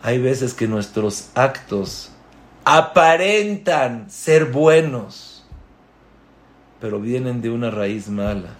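Slow-spoken man giving a sermon. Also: mid-range voice, animated. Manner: storytelling, moralizing, slow and deliberate. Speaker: religious teacher.

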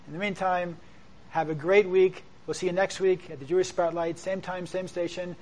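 A man's voice: high-pitched, level tone, moderate pace, darkish tone, poor audio. A man hosting a religious interview show, speaking earnestly in short, exhortatory phrases to his guest and audience. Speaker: show host, rabbi. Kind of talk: interviewing and addressing viewers.

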